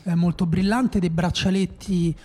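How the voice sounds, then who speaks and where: A man's voice: high-pitched, fairly even intonation, normal speed, a little mellow. A man co-hosting a casual podcast debate, speaking loosely, joking and thinking aloud. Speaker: podcast co-host.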